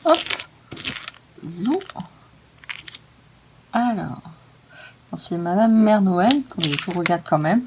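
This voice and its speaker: Against a noisy background, a craft video host with a voice on the low side speaks slowly and expressively, leaving long pauses. She's chatty and gushing through the casual demonstration, frequently tripping over her words.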